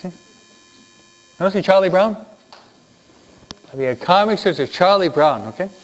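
Lively high-voiced man teaching kids. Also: takes it slowly. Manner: animated storytelling with questions to the kids. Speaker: children's teacher. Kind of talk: Sunday school lesson. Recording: dull lo-fi recording.

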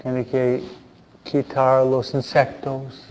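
Slow-paced priest, dull muffled recording. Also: male voice, monotone, a little mellow, clean tone, long reverb tail. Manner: deliberate, with frequent pauses. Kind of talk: Gospel reading and homily. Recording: dull, muffled low-fidelity sound.

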